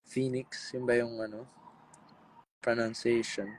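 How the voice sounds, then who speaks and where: A man's voice: medium pitch, measured pace, background noise. A man on a casual live stream, tired from singing and joking playfully with his viewers. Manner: sings pop songs, then chats playfully with viewers. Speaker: singer doing an Instagram live.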